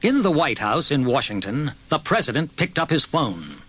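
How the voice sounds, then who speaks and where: A man narrating a children's storybook audiobook with an expressive, varied delivery. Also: medium pitch, normal speed, slightly rough.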